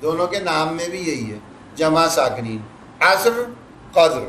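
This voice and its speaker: A man's voice: a little high, lively intonation, bright, forceful tone. Male recitation teacher, patient, repeats himself, faint hiss behind, roomy sound. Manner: patient, repeats key points, asks and answers his own questions. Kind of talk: classroom tajweed lesson. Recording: echoey room with faint background noise.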